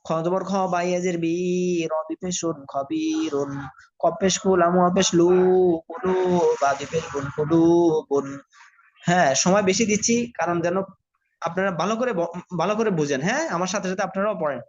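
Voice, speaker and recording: A Bangladeshi man with a high-sitting voice teaches Quran reading, spelling out letters one by one and blending them slowly. He speaks directly to his learners, asking them questions and sometimes answering his own. The slow, spelled-out recitation lesson comes through on dull, lo-fi audio.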